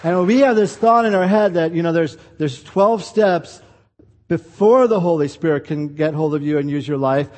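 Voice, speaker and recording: A man's voice: a little high, normal speed, darkish tone. A male preacher giving an impassioned, confessional sermon with a repetitive, building rhythm. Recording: long hall reverb.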